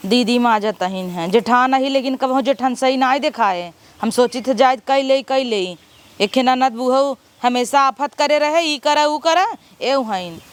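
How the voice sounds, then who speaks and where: A woman's voice: high voice, measured pace. A woman playing a grumbling Awadhi village sister-in-law. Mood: complaining. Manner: scolding, complaining, gossipy. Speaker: comic actress. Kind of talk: village comedy skit.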